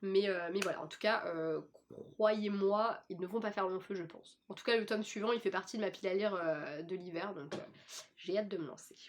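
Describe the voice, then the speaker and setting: A woman's voice: medium pitch, a little fast, slight background noise. Chatty young French woman, book vlogger. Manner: chatty, lots of fillers and restarts. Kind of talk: casual chat.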